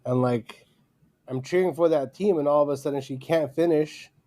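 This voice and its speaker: An animated man chats casually on a fan podcast with a slightly higher voice. His tone is warm and mellow, and he laughs easily as he tells his reactions. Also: normal speed. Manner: animated, laughs often, acts out yelling at the screen. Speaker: podcast co-host.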